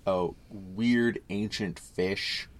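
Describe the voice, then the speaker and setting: A man's voice: lowish voice, fairly even intonation, very slow. A man co-hosting a podcast in casual chat about a film, explaining things at length with wry asides. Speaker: podcast co-host.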